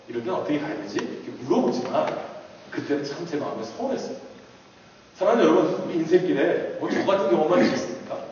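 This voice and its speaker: A man preaching from far off in a big, echoing church hall, the sound dull and muffled. His fairly high voice swings widely as he tells personal stories and acts out little bits of dialogue in different voices. Faint room ambience sits under everything. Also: a little mellow, slight background noise. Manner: storytelling, acting out quoted dialogue in changing voices. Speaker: pastor. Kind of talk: sermon. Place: church sanctuary.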